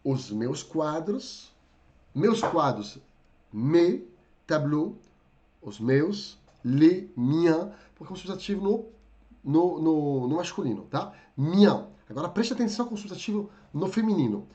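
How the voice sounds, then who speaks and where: A man teaching in a live class, his voice a little hoarse from a lingering cough. He talks with a lively, swooping pitch and a fairly high tone, checking in with viewers after every point. The audio sounds dull and lo-fi. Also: unhurried. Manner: lively, addresses viewers as "gente", frequent "tá?" check-ins. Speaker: French teacher. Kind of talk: live online lesson.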